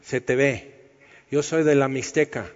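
A man's voice: medium pitch, fairly even intonation, measured pace. A man preaching a sermon, teaching in a conversational, explanatory way. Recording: dull sound with long hall reverb.

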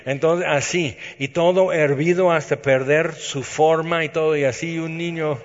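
A man's voice: on the high side, steady tone, a little slow, slight background noise. A man with a Mexican accent giving a conversational sermon, telling stories with self-teasing humor. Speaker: preacher. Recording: dull reverberant hall sound.

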